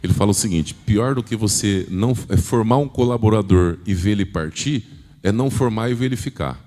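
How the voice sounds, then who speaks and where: A man's voice: on the low side, brisk, warm tone. Emphatic man speaking in a reverberant hall. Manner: emphatic, asks the audience questions. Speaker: business speaker at a church event. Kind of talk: motivational sales talk to a live audience. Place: large church hall. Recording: long hall reverb, faint music.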